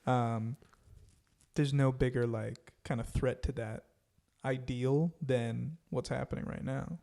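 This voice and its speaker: A man co-hosting a podcast in casual chat, easygoing and quick to laugh. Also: medium pitch, fairly even intonation, gravelly, mellow. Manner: easygoing, chatty, laughs often. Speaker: podcast co-host.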